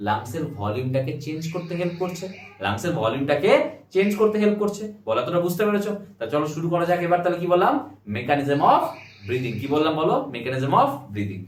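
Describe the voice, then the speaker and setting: A man's voice: fairly high pitch, expressive, fast, slight background noise. A man teaching biology at a board, firing questions at the class and answering them himself. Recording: roomy echo, mic at a distance.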